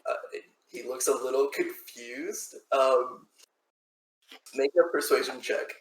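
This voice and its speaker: A man's voice: mid-range voice, takes it slowly, creaky, roomy sound, poor audio. A man narrating as game master of a tabletop game, rambling loosely with many restarts.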